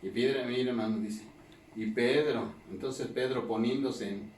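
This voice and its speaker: A man preaches a Bible study in a roomy church hall, with his voice sitting at an ordinary middle pitch. He talks in a conversational way, constantly checking in with his listeners. He sounds set back from the microphone, and a faint ambience hums underneath. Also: fairly even intonation, normal speed, darkish tone, slight background noise. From Mexico. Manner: conversational teaching, constant tag questions to the congregation. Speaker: pastor. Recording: echoey room, distant mic, faint ambience.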